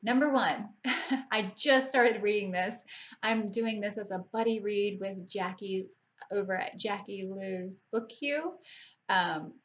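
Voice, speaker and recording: A woman's voice: mid-range voice, slow. A woman in her forties chatting casually to camera as a book vlogger, rambling along with frequent restarts and fillers. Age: 40s. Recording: slightly dull lo-fi audio.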